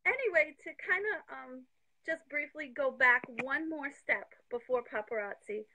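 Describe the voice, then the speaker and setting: A woman's voice: high voice, a little hiss or hum. A woman in her fifties, a guest on a live video interview, telling her story eagerly and sounding slightly out of breath on a phone call. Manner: eager, talks fast when excited.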